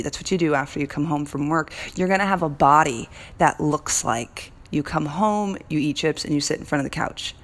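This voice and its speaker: A woman hosting a lifestyle challenge, giving an upbeat, encouraging motivational talk with a morning voice. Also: sits low. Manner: upbeat and encouraging, stretches key words. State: morning voice, clearing her throat.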